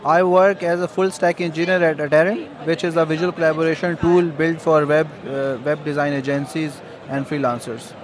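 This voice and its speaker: A man from Pakistan, a software engineer answering a quick vox pop. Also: a little high, flat delivery, a crowd in the background.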